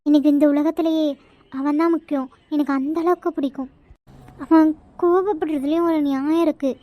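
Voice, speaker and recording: A woman's voice: high voice, steady tone, fairly quick, warm tone, lightly acted. A woman voicing a devoted young college woman who talks earnestly and sulkily in an amateur audio drama. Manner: earnest, sulky, insistent.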